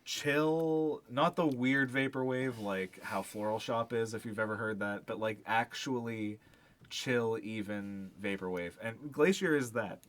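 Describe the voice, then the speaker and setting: An unhurried, medium-pitched man co-hosts a podcast, rambling casually about music in slangy speech full of filler words.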